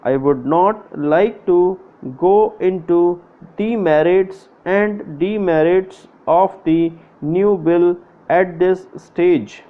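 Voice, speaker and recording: A man dictating a formal speech for shorthand practice, reading in measured, separated phrases. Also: sits high. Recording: narrow, phone-like lo-fi sound.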